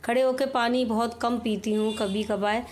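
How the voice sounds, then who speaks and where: A woman's voice: on the high side, steady tone, normal speed, darkish tone. Middle-aged woman, slightly sore throat, chatty homely voice-over, faint background hiss. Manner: chatty, homely, explains while working. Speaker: home vlogger. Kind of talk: casual voice-over narration. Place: home.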